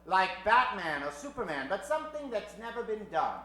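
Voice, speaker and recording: A man with a high-sitting, pushed, bright voice delivers at normal speed and with lots of animation. He's hosting an improvised live radio show from a theater stage, playing up a mock-formal, old-time radio flair and joking with the crowd, all captured in an echoey recording.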